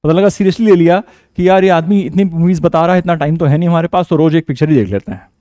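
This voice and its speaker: A man's voice: fairly high pitch, fast talker, warm tone, no echo. A man with an Indian English accent, teaching vocabulary in a casual online lesson, chatty and joking, calling his students 'beta'.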